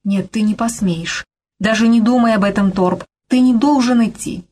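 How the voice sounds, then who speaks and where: A woman's voice: on the high side, normal speed, a little mellow, voice pushed up, lightly acted. A woman voicing a frightened young woman who pleads and begs her lover not to go. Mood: pleading. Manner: desperate, pleading, tearful.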